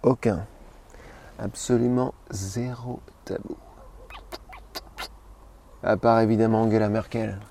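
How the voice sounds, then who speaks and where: Man, thirties, deadpan, self-important, comedy sketch interview. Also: on the low side, slow, gravelly, long pauses, slight background noise. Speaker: comic actor persona being interviewed.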